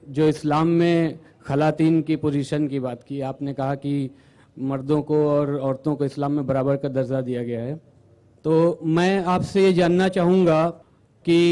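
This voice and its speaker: A man's voice: fairly high pitch, warm tone. A man in the audience politely thanking a lecturer and asking a formal question, then repeating it in English.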